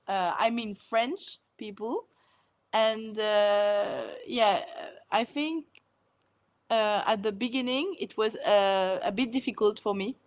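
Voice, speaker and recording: A food content creator from Mauritius is a guest in a casual interview. Her medium-pitched voice is animated but slow, and she answers hesitantly with many fillers and frequent laughter.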